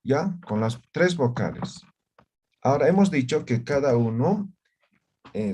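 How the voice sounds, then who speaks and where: Male teacher, unhurried and husky, video-call class, keeps asking "right?". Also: mid-range voice, a little mellow. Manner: checks in with "¿ya?" and "¿no?" often. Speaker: Aymara language teacher. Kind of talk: online class explanation.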